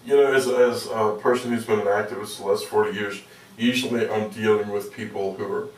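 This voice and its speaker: A man's voice: fairly low pitch, fairly even intonation, fairly quick, a little mellow. Older man, roomy sound, telling stories casually. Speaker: activist and journalist, interview guest. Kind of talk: casual interview storytelling. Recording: echoey room, distant from microphone.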